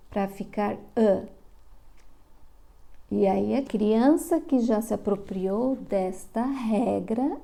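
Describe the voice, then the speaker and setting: A middle-aged Brazilian literacy teacher explains a reading lesson to parents, drawing out each syllable slowly. Her voice is slightly high but mellow and dark, with a gravelly fry running through it.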